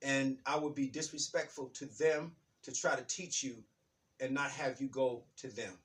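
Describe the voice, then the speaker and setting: On his own spiritual self-help channel, a man rambles and repeats himself, frequently restarting phrases. His mid-range voice is steady, a bit bright, and at normal speed, self-recorded on his own device with his voice distant from the microphone.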